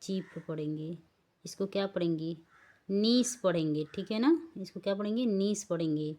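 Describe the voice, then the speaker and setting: A woman's voice: mid-range voice, moderate pace, dark tone. A woman teaching English pronunciation rules, spelling words out letter by letter and checking that the learners follow. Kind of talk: slow spelling-rule lesson.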